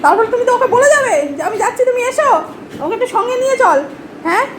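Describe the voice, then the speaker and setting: A young woman talks to her dog at home in sing-song baby talk, her voice very high and bouncing all over the place. She keeps repeating the same coaxing words over and over. The home recording is noisy, with traffic audible outside. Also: lively intonation, brisk. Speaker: dog owner filming her pet. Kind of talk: casual home video chat with her dog. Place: home, indoors.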